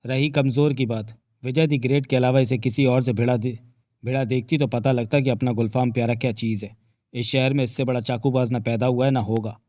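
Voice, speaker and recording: A man's voice: medium pitch, steady tone, brisk, darkish tone, dry recording, clean studio sound, lightly acted. A man voicing a cocky, wisecracking male detective hero who teases and boasts in a mock-polite way.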